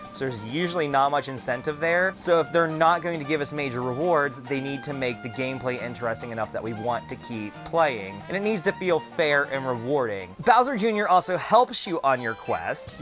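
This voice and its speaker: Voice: mid-range voice, fairly bright tone. A campy drag queen reviewing video games in a casual, exclamatory and playfully crude way.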